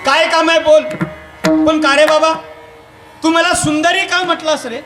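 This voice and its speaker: A man's voice: extremely high pitch, fairly even intonation, a little slow, bright, forceful tone, pitched above the performer's own voice, exaggerated voice. A man playing a crooked, poor woman who scolds and pleads, inside a devotional storytelling sermon. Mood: wary. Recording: echoey hall with music behind.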